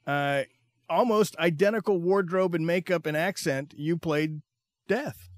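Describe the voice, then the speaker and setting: A man's voice: on the high side, measured pace, no echo, clean studio sound. A male radio host asking questions in an enthusiastic, jokey way. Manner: enthusiastic, jokey, laughs often. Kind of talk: casual interview chat.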